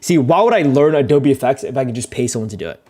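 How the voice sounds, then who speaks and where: His voice is expressive, quick and slightly rough: a young man livestreaming his video editing and chatting casually the whole time. He rambles, jokes about himself, swears here and there and laughs often, growing louder and higher as he tells stories.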